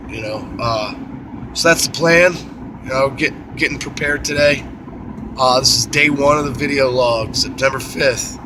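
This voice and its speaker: Raspy, under-the-weather man, fairly flat delivery. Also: mid-range voice, background noise. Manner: matter-of-fact, plain listing of plans and supplies. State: under the weather, voice rough from illness. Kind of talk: casual video log narration.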